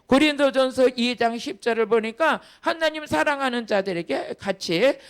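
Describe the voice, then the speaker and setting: A woman's voice: high voice, normal speed, clean tone. A woman pastor preaching a revival sermon, emphatic and leading the congregation in reading scripture aloud. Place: church retreat hall.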